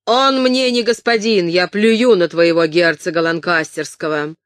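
A reader voicing a coarse peasant village headman with a thin, shrill, harsh voice. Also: very animated, measured pace, fairly bright tone, dry recording, studio quality. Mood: furious.

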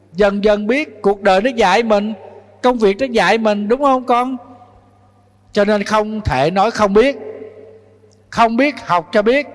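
A male Buddhist monk with a high voice preaches to his young followers, keeps throwing rhetorical questions at them and scolds them in a fatherly way. A long hall reverb trails after his words. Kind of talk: dharma talk to young followers.

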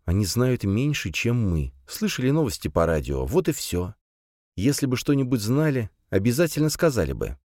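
A male narrator voicing a composed woman who speaks slowly and calmly. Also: medium pitch, no room sound, clean studio sound, voice pushed up, close to an everyday voice. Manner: slow, calm. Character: composed, level-headed woman.

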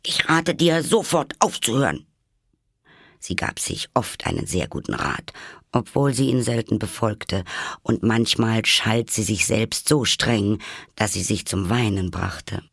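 Slow gravelly man reading a story. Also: lowish voice, expressive, fairly bright tone, dry recording, clean studio sound. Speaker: audiobook narrator. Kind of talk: scripted narration of a classic story.

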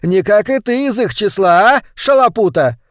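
A man's voice: sits high, animated, moderate pace, no room sound, studio quality, voice pushed up. A man playing a cruel, short bullying master who barks and sneers at his servant. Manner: barking, sneering and mocking.

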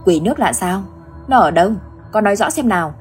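A woman voicing a calm, serious older village man who speaks in a steady, reassuring way. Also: mid-range voice, a little fast, soft background music, natural voice.

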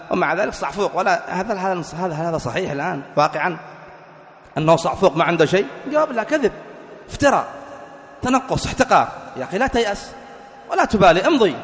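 A man delivers a religious lecture at a brisk clip and in a fairly high voice. He keeps asking rhetorical questions and answering them himself. The recording has a long hall reverb. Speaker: preacher.

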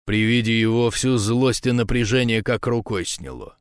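A man narrating a first-person audiobook in a low, tense, clipped delivery. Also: normal speed, clear, resonant tone, no echo, clean studio sound.

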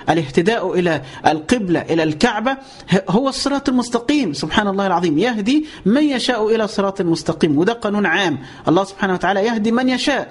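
A man with an Egyptian accent explaining scripture in a lesson, lively, asking rhetorical questions and often breaking into pious exclamations. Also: high-pitched. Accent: Egyptian Arabic. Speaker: religious teacher.

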